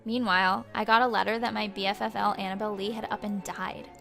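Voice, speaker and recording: Over soft background music, a young woman plays a bubbly, slangy female ghost vlogging her afterlife in a breezy, flippant valley-girl style for a comedy web series. Her comic monologue is fast, level in tone and medium-pitched, with a creaky, bright, forceful voice.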